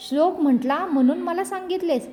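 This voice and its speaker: A woman's voice: very high voice, fairly quick, warm tone, slight background noise, voice pushed up. A woman voicing a stern but loving village mother who scolds firmly and earnestly.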